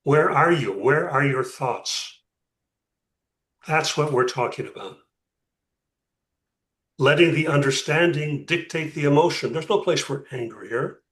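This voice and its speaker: A man speaking as a rabbi teaching a class, pausing deliberately and posing rhetorical questions. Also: on the high side, fairly bright tone. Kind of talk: interactive religious lecture. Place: room with a class. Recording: echoey room, distant microphone.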